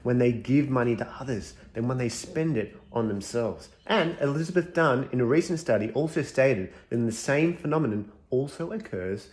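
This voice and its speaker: A man's voice: mid-range voice, lively intonation, moderate pace, hardly any pauses, darkish tone, natural voice. A man playing a cocky scruffy compassion expert. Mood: cocky lecturing. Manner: confident, lecturing through a list of studies. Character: scruffy bearded male compassion specialist, cocky. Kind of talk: comedic school chapel sketch.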